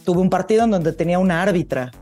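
A woman sports commentator speaks in a casual chat with a fairly low, mellow voice. She keeps agreeing with her guest in short, supportive interjections. Faint music sits in the background. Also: animated, quick pace. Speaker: football commentator.

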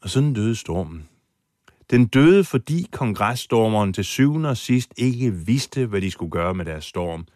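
A man's voice: on the low side, animated, a little mellow, dry recording, studio quality. A man telling a true story as host in scripted documentary narration, acting out the quoted lines with drama. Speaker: podcast host and foreign correspondent.

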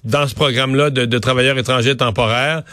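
A man's voice: medium pitch, steady tone, bright, forceful tone, smooth, dry recording. A man with a Quebec French accent interviewing in an unscripted way, hesitating and repeating words as he forms his questions. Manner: hesitant, halting, often repeats words while forming questions. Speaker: radio interviewer.

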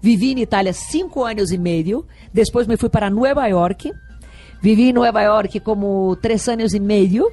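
Brazilian-accented woman, husky, chatty. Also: mid-range voice, normal speed, faint music behind. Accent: Brazilian Portuguese. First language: Portuguese. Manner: lively, laughing, rambling storyteller. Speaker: sexologist guest. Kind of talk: casual interview chat.

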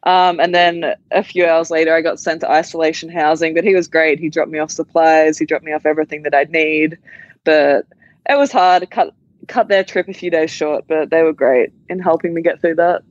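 A woman's voice: sits low, fairly even intonation, normal speed, no echo. Young aussie woman guest, easygoing, lots of ums, dull dry remote audio. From Australia. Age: young adult. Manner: easygoing, many ums and likes. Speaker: guest, college basketball player. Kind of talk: casual interview chat.

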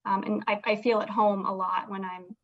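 A woman's voice: mid-range voice, level tone, normal speed. Female radio guest, chatty and at ease, muffled lo-fi sound. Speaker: guest, veterans program worker. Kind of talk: casual radio interview.

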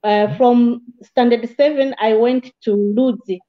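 A woman from Malawi, a guest in an interview, telling her life story in a measured, plain way with small restarts. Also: on the high side, fairly even intonation. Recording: slightly dull, muffled audio.

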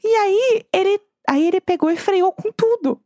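A Brazilian woman with a bright, high voice and a Brazilian Portuguese accent. She tells a story in a lively, casual way and laughs often. The sound is dry and close, with no room echo, as on a video call. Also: normal speed. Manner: animated, laughs often while telling a story. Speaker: podcast co-host.

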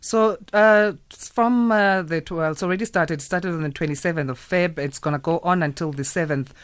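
A South African man interviews a guest in a conversational, encouraging way, often chiming in with agreement. His voice sits fairly high for a man and sounds dry and close. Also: normal speed, fairly bright tone, clear, resonant tone, no echo. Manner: encouraging, appreciative, frequent affirmations. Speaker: radio interviewer.

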